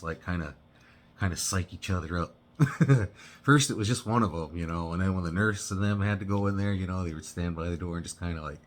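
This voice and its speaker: Low-voiced man telling a rambling story. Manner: rambling, halting, full of restarts and "you know". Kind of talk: casual personal storytelling.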